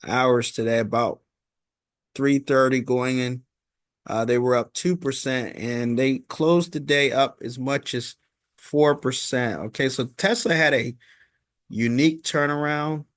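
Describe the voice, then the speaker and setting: A man with a medium-pitched voice hosts an informal stock market recap, speaking haltingly and repetitively and frequently checking in with "okay?" The recording is dry, with clean studio sound.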